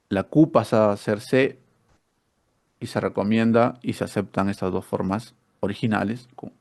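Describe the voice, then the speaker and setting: A man's voice: lowish voice, gravelly, a little mellow. A man teaching an online spelling workshop, explaining step by step with rhetorical questions and repeated words.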